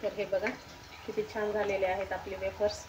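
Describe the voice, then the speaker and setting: A woman's voice: mid-range voice, level tone, fairly quick, background noise. A woman with a Marathi accent hosting a home cooking channel, demonstrating a recipe step by step in a homely, instructive way. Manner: homely, instructive, repeats "तर हे बघा".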